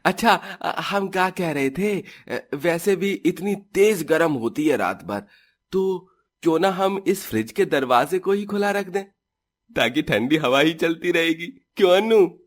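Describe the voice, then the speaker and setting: A man's voice: fairly high pitch, lively intonation, measured pace. A man voicing an easygoing, simple village husband in a cartoon story, with a chuckling manner.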